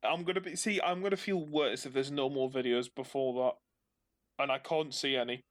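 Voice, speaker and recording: A man with a Northumbrian accent co-hosting a podcast in casual banter, jokey, self-deprecating and quick to swear. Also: mid-range voice, fairly even intonation. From Northumberland, England. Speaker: podcast co-host.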